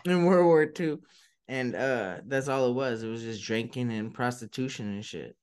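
A man's voice: mid-range voice, moderate pace, crowd noise. A man hosting a podcast in casual chat, rambling and often repeating himself as he starts a sentence. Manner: rambling, stumbles over his words. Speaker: podcast host.

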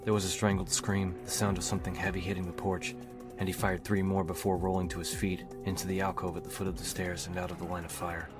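A male audiobook narrator reads a novel in a steady, even manner. His voice is deep and almost completely flat in pitch. Music runs clearly behind him. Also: quick pace, hardly any pauses. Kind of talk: reading a novel aloud.

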